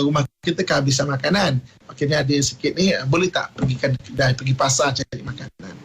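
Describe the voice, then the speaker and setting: A man with a Malaysian Malay accent giving a radio religious talk, telling stories with lively acted-out quotes. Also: a little high, slightly rough, rough recording. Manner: animated storyteller, acts out quotes, laughs often.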